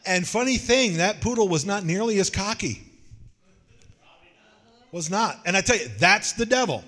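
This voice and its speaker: Joking preacher man, slightly high voice, lively storytelling sermon. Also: moderate pace, in a large hall. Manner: folksy, joking, animated storytelling. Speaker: pastor.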